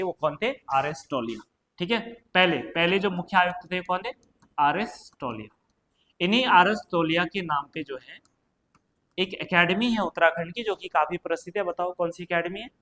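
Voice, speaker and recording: A high-voiced man teaching an exam-prep class. He keeps asking the class questions and answering them himself, peppering his lesson with little checks like "right?". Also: moderate pace, bright, forceful tone. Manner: questions then answers himself, frequent "ठीक है" and "है ना". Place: coaching classroom or studio.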